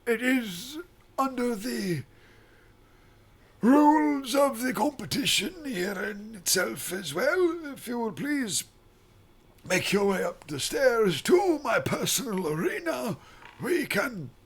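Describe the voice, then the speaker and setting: A very old man, speaks far up in pitch with wandering swoops. He is frail, doddering and courteous, halting his way through a tabletop fantasy scene. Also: very animated, slight background noise, exaggerated voice. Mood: mild, halting. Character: frail, doddering, polite very old male temple master. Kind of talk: tabletop role-play.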